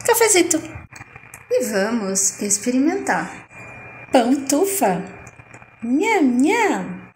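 A fairly high-pitched female voice comes through with slight background noise. The speaker, a middle-aged vlogger from Brazil, playfully chats to her phone in a home kitchen, describing her food and coining cute diminutives in a casual vlog narration.

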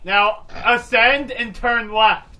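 A man's voice: very high-pitched, fairly even intonation, slow, very noisy. A man giving steering orders to a teammate during an online game. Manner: barks orders, bossy. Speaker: gamer. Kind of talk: casual multiplayer banter.

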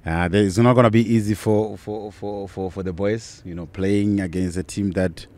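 Deep-voiced man chatting about football. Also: normal speed. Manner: relaxed, laughs often, repeats words. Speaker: football podcast co-host. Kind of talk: casual football talk. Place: outdoors on a sunny football field. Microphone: handheld mic on a stand.

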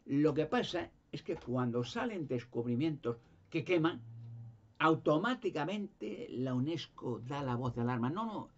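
A man's voice: a little high, expressive, a little slow. A man talking in a rambling, emphatic monologue, stumbling over and repeating his words. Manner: emphatic, repetitive, restarts words. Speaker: conspiracy talk guest. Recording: dull lo-fi sound.

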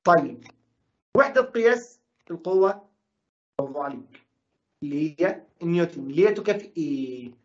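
A brisk male teacher with an Egyptian Arabic accent races through a physics lesson. He fires questions at his students and answers them himself, even voicing their objections. The recording sounds dull and lo-fi. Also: on the high side.

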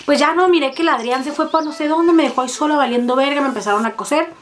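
A woman with a Mexican accent telling a personal story in fast, profane, dramatic casual chat. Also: high voice. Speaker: vlogger.

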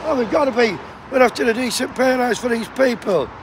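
A man's voice: very high-pitched, fairly quick, a loud crowd. A man with a Yorkshire accent chatting and joking with passers-by on a picket line, cold, swearing freely. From Sheffield, England. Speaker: striking postal union picketer. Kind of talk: casual vlog chat. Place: outdoor picket line by a busy road. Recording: noisy roadside traffic outdoors. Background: passing traffic.

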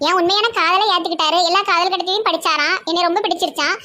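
A woman's voice: extremely high pitch, fairly even intonation, very fast, sharp tone, pitched above the performer's own voice. A woman playing a brash, scheming bride-to-be in her own voice, with a Tirunelveli Tamil accent. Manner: brash, bragging.

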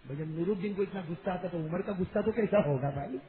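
A male preacher telling a story as a sermon, quizzing his audience and shouting to drive points home. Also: sits high, roomy sound. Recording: tinny lo-fi recording with loud crowd noise.

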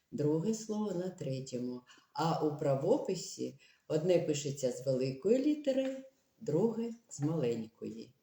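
A woman from Ukraine giving an online language lesson, explaining slowly and deliberately like a teacher. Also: low voice, dark tone, echoey room.

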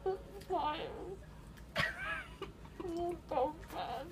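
A woman's voice: very high-pitched, drawn-out words. A young woman chatting casually, groggy and tearful, with slurred, numb-mouthed speech after wisdom teeth surgery. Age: young adult. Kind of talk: casual chat. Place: small indoor recovery room, in a recliner. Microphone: phone at arm's length.

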